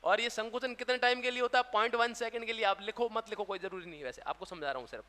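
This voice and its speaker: A man with a very high, bright voice lectures with a Rajasthani Hindi accent, asking a question and then answering it himself. His voice rings out with a long reverb, like a big lecture hall. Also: fast talker. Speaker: teacher. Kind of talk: classroom lecture.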